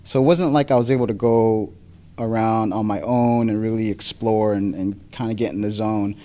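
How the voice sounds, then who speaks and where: A man's voice: on the low side, fairly even intonation, moderate pace, warm tone. A man who grew up in Los Angeles, a guest photographer talking casually, with many ums and restarts. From Philippines, grew up in Los Angeles. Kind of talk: casual interview chat. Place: live podcast recording before a small audience.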